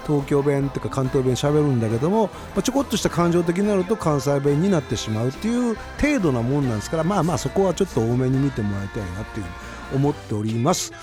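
A man in his fifties hosting a late-night radio show, chatting casually and telling rambling stories. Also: on the high side. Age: 50s. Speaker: radio host.

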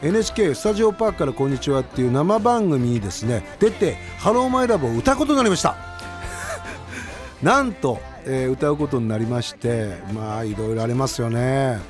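A man's voice: medium pitch, animated, fast, few pauses, soft background music. A man in his fifties hosting a late-night radio show, chatting casually and telling rambling stories. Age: 50s. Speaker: radio host.

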